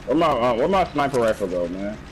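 A man's voice: mid-range voice, sing-song, fast talker, noisy background. A man chatting casually with friends during an online shooter, full of laid-back slangy banter. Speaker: gamer. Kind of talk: casual gaming chat. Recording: loud game gunfire over voice. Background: video game gunfire and effects.

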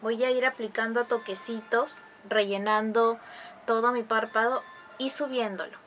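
A woman's voice: on the high side, fairly even intonation, normal speed, fairly bright tone, slight background noise. A woman vlogger, chatting through a makeup review and tutorial, fond of diminutives. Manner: chatty, explanatory, uses many diminutives. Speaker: beauty vlogger.

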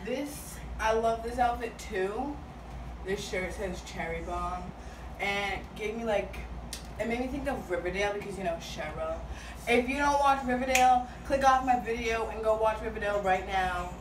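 A woman's voice: medium pitch, moderate pace. A young woman chats upbeat about her outfits, her words often trailing into mumbles. She sounds a few steps away from the phone camera, with the kitchen adding an echo and a noisy background hiss. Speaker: fashion vlogger. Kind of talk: casual haul vlog. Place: small home kitchen, indoors. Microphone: phone camera set far across the room. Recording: echoey room, mic far off, noisy.

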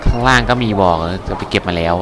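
A man's voice: sits low, quick pace. Guy cracking jokes while he plays, swears a lot, game music going underneath. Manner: chatty, crude, joking, translating game lines. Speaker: game commentator. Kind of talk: casual let's-play commentary.

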